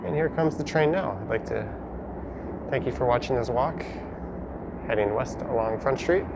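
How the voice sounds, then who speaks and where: A man's voice: medium pitch, normal speed. A man casually narrating as he walks around, like a vlogger on location. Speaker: walking tour vlogger. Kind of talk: casual narration while walking. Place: city street and subway station. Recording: clear city background noise.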